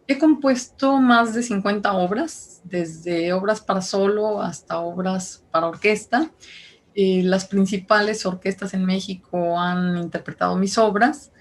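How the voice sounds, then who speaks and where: A Mexican woman composer introducing herself in a relaxed, reflective way in a short video. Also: lowish voice.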